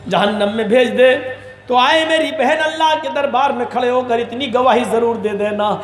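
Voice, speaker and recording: A preacher voicing a remorseful young sinner. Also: male voice, extremely high pitch. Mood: imploring. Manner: trembling, imploring, emotional. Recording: echoey hall reverb.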